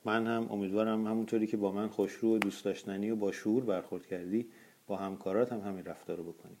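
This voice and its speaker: A man's voice: fairly low pitch, fairly even intonation, darkish tone, slight background noise, natural voice. A man reading as a curt, impatient wife. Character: impatient, suspicious wife on the phone.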